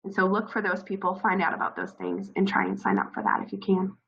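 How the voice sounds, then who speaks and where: Giving earnest, encouraging advice to new military spouses, a woman hoarse from a cold talks fast with frequent fillers in a scratchy, froggy voice. Her mid-range pitch swings widely, and her gravelly, breathy voice sounds fairly bright through dull audio in this informal talk.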